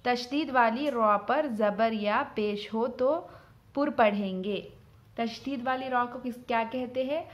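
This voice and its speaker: A woman's voice: a little high, dull audio. Patient woman teaching recitation rules. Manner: patient, repetitive explaining with slow drawn-out sound examples. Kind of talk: Quran recitation rules lesson.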